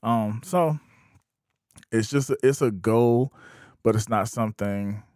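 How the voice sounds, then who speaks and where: A man in his thirties talking casually to camera, thinking aloud with frequent pauses. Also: fairly low pitch, darkish tone, no room sound, studio quality. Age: 30s. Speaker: vlogger. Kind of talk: casual opinion monologue.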